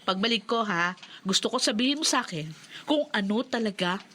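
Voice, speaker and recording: An actress playing a caring, insistent friend who coaxes and fusses, in old radio show acting. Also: female voice, mid-range voice, lively intonation, brisk, a bit bright, close to an everyday voice. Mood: concerned, coaxing. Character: caring, insistent female friend tending the injured. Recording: noisy background ambience.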